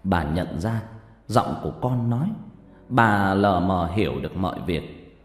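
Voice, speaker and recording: A man narrating a horror story with dramatic, expressive delivery. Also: low-pitched, unhurried. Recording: echoey reverb with background music.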